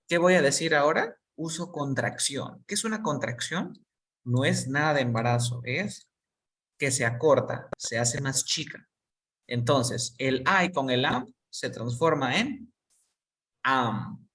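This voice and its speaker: An English teacher, giving a basic lesson and slowly drilling each word with students. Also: medium pitch, expressive, fairly bright tone, recorded from a distance. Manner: slow and patient, repeats each word for students.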